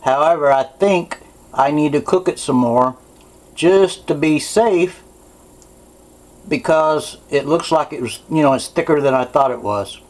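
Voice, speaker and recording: A man's voice: on the high side, unhurried, poor audio. A man doing a casual home cooking demonstration in his kitchen, plainspoken and correcting himself as he goes.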